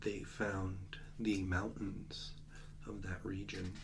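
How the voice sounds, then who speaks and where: A man doing an ASMR role-play as a librarian, speaking in a hushed, halting, gentle way. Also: low voice, little pitch movement. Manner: halting, unhurried delivery with gentle explanations. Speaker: ASMR host playing a librarian who shows old books to a visitor. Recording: noticeable background noise and ambience.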